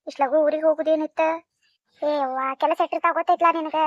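A woman's voice: high-pitched, fairly even intonation, fast talker, no room sound, natural voice. Woman doing a fussing, worried mother. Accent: North Karnataka Kannada. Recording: dry, dull lo-fi sound.

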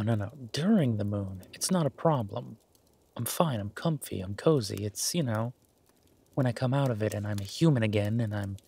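In an intimate boyfriend roleplay audio, a man plays an affectionate, easygoing werewolf boyfriend, keeping up a casual one-sided chat. His voice is husky, breathy and on the low side, with a soft, teasing manner.

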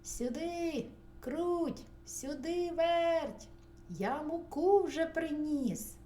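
Woman doing a bright hardworking rooster. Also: high-pitched, sing-song, slow, exaggerated voice. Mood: cheerful calling. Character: cheerful hardworking male rooster. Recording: roomy recording, faint hum.

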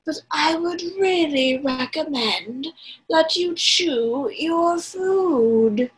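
A woman voicing a soft-spoken anaconda who gives calm advice, read aloud from a picture book. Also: high-pitched, extremely slow, voice pushed up, full character voice, rough recording.

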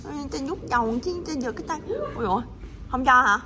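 A woman's voice: high voice, animated, fast, noisy background. A woman chatting with her pets in a teasing, coaxing way, laughing often. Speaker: pet channel host. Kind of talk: casual chat to her pets.

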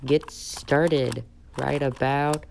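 A woman hosting a reaction video with casual, halting commentary full of short exclamations, on a home recording. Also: rumbling low, fairly even intonation, vocal fry. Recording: noisy home recording with clicks.

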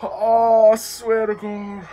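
A man giving excitable live commentary on his own video game, swearing and calling out "bro" often. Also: sits high, slow. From Australia. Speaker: gaming YouTuber.

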